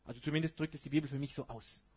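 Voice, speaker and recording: A man's voice: on the high side, fairly even intonation, racing, husky. A man preaching a sermon to his congregation in a colloquial way, putting rhetorical questions to his listeners. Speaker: pastor. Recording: dull lo-fi recording.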